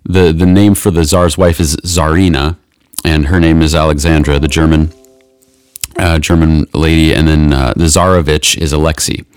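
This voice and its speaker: A man's voice: rumbling low, steady tone, moderate pace, clear, resonant tone, dry recording, soft background music. A man hosting a casual podcast chat, explaining a story in a rambling way with many restarts. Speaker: podcast host.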